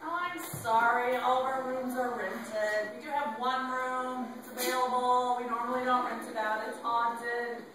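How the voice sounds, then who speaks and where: A woman voicing a polite, apologetic female hotel desk clerk, speaking slowly and carefully, recorded from afar in an echoey classroom. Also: on the high side, fairly even intonation, distant mic, noisy background, close to an everyday voice. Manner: apologetic, measured.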